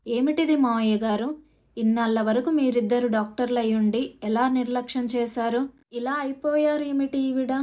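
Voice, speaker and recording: A woman's voice: fairly high pitch, steady tone, moderate pace, dark tone, close to an everyday voice. A woman voicing a young woman who speaks in a choked, pleading way out of distress and unease. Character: young woman, distressed daughter-in-law figure.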